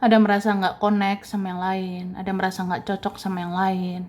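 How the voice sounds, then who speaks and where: A woman's voice: mid-range voice, little pitch movement, brisk. A woman giving a chatty, casual tarot reading, repeating points and laughing lightly between them. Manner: chatty, repeats herself, ends phrases with soft tag words. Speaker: tarot reader.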